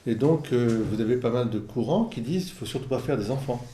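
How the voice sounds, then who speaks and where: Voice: mid-range voice, fairly quick, mellow, reverberant, slight background noise. A priest commenting in a casual discussion, reflective and hesitant with repeated words. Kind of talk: conversational commentary.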